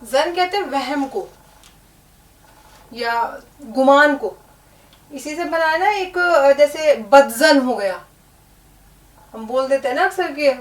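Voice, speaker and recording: High-voiced woman teaching Urdu, echoey room. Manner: explains word meanings and spells letters slowly, checks in with the learner. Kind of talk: spoken language lesson. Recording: echoey room, mic at a distance.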